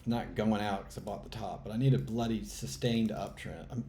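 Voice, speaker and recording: The speaker is a trading channel host whose voice is fairly low and warm, with fairly even intonation and a moderate pace, recorded with slight background noise. Playing a trading game, he talks to himself in a muttering, exasperated way, sighing and swearing at the chart as he commentates live.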